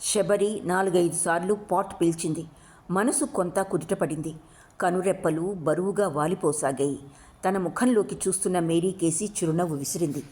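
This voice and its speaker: A woman with a fairly low voice reads a novel aloud as an audiobook. Her storytelling is steady and expressive. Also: normal speed. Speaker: narrator.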